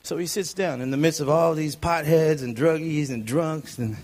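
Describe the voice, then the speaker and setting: A man from California in his fifties preaching a sermon with personal testimony, moving from quiet, low storytelling to shouted preaching. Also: moderate pace.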